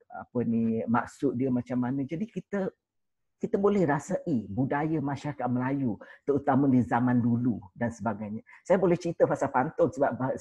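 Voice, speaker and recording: A man from Malaysia, speaking as a panel guest in a discussion and pausing often to search for words. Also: mid-range voice, dark tone, slightly rough, no room sound, dull audio.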